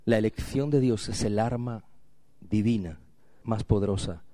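A man's voice: on the low side, a little slow, dark tone, dry recording. A man from preaching a sermon, emphatic and repetitive, asking rhetorical questions. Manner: emphatic, repeats key phrases, rhetorical questions.

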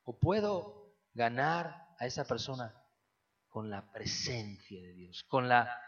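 A man preaching a sermon, firing rhetorical questions and swinging between hushed, low passages and loud, emphatic ones. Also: very animated, slow, husky, muffled recording.

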